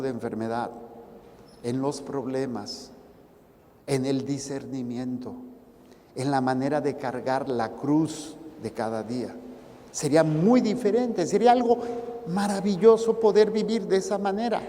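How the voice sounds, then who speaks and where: Man, Mexican Spanish accent, priest's sermon, animated asides, reverberant church. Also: mid-range voice, slight background noise. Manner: animated, playful asides to the congregation.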